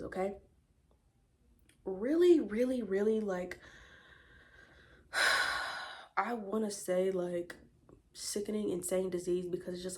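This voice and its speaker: A woman of twenty chatting to viewers about the books she read while doing her makeup, retelling plots with lively asides and rhetorical questions. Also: mid-range voice. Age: 20s. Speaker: book vlogger.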